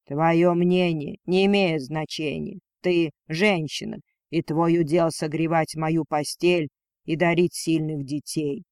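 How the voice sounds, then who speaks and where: A man's voice: fairly high pitch, fairly even intonation, darkish tone, dry recording, clean studio sound. Man playing a cruel, domineering dragon lord. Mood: contemptuous. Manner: slow, contemptuous growl.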